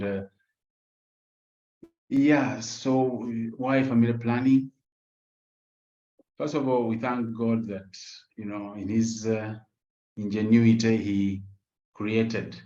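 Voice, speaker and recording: A man's voice: on the low side, a little mellow. A man speaking as a doctor on a panel, reflective, weaving scripture into his points, heard over echoey, dull video-call audio.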